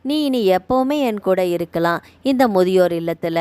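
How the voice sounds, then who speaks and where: A woman voicing a kindly retired man who runs a care home; he talks gently and reassuringly. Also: mid-range voice, expressive, moderate pace, smooth, lightly acted. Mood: tender.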